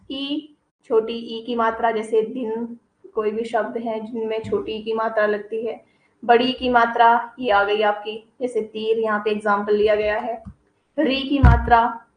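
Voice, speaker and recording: A woman with a fairly high voice teaches grammar at a coaching classroom, explaining terms, then giving examples and checking with "ठीक है". The room is echoey and the audio dull.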